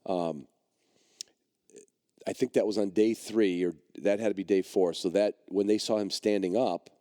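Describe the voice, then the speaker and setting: A man's voice: on the low side, fairly even intonation, moderate pace, dark tone, dry recording, studio quality. A middle-aged man hosting a podcast, telling a personal story in a rambling way, full of fillers and restarts. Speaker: podcast host and dog trainer.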